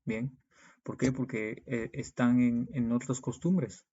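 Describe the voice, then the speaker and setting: A preacher from Peru reads scripture and explains it slowly in a didactic style, often adding quick check-ins like "okay" and "right." His medium-pitched voice is steady, dark, and slightly rough, captured in dull, lo-fi audio.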